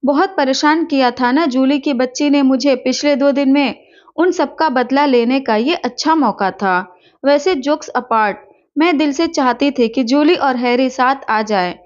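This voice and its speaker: A young woman narrating a story in the first person, in a lively, teasing storyteller manner. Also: high-pitched, unhurried. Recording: dull lo-fi recording.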